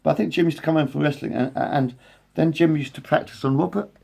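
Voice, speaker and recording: Against a noisy background, a male vlogger in his late forties talks quickly into his phone's front camera, rambling casually, repeating himself, and correcting his wandering thoughts. His voice is a little high and gravelly.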